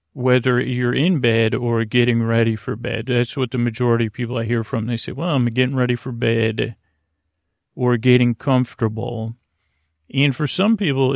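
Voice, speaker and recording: A podcast host's creaky, medium-pitched voice winds through a gentle bedtime monologue, looping back on words and lingering in pauses. The studio-quality sound carries no echo.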